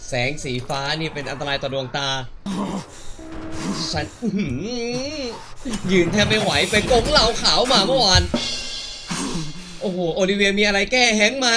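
A man streaming a horror game, talking through it with excited yelps and crude slang. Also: high voice, a little slow, over loud music. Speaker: gaming streamer. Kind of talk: let's play commentary.

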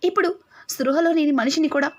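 A woman's voice: sits high, quick pace, natural voice. A woman doing a stern, protective mother-in-law. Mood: scolding.

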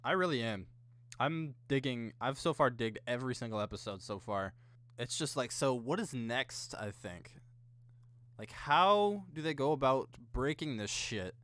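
Young dude reacting casually, swears a lot, bright punchy voice, up close and dry. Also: male voice, mid-range voice, animated, measured pace, no echo. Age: young adult. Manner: informal, sweary. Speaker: reaction video host. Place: small indoor room at a desk. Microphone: close condenser mic with pop filter.

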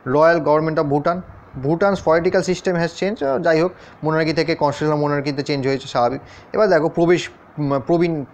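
Man teaching exam prep over a map. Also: fairly high pitch. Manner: addresses students directly, often checks in with questions. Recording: dull, lo-fi sound.

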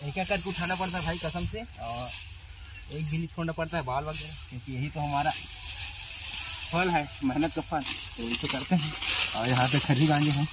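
A man's voice: fairly high pitch, normal speed, heavy background noise. A young man vlogging casually to his viewers, filming himself with a phone at arm's length outdoors in the countryside. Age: young adult. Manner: chatty, addresses viewers as friends and brothers. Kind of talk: casual vlog. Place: outdoors, rural fields and village lanes.

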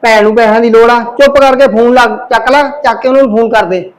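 A man's voice: very high voice, fairly even intonation, quick pace, rough recording. A man playing a husband who bullies and threatens his wife, barking bossy orders in an amateur family drama. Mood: bullying.

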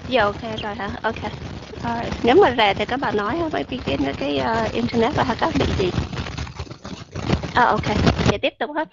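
A woman's voice: a little high, brisk, gravelly, lo-fi sound, background noise. A woman teaching an online English pronunciation lesson, chatty and checking often on her listeners.

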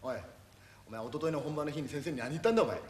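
Man acting as a rough middle-aged tv boss, berating, quick-talking, echoey far-off stage recording with noise. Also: a little high, a little mellow, close to an everyday voice. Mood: scolding. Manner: berating, rough, drops insults constantly. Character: gruff middle-aged male TV production boss, bullying. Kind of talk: stage comedy monologue.

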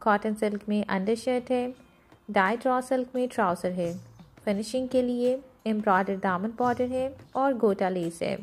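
Woman with a higher voice listing product details. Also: a little slow. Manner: steady, itemized listing of fabrics, details and prices. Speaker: fashion product presenter. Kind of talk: product walkthrough.

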